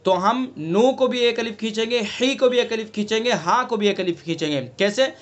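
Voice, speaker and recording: High-pitched guy w delhi urdu accent, teaching an online recitation class, asks questions, drags out example sounds. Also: muffled recording. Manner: explains patiently, asks students questions, demonstrates drawn-out recitation. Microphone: online class call.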